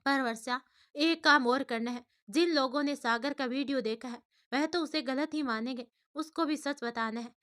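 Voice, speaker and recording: Woman doing a bubbly teasing young gal, high and crisp, storybook vibe. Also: normal speed, fairly bright tone. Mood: lively. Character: cheeky playful young woman, teasing best friend.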